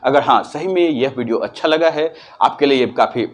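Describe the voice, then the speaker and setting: A man teaching a video lesson on pronunciation, spelling out letters and slowly repeating each word. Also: medium pitch.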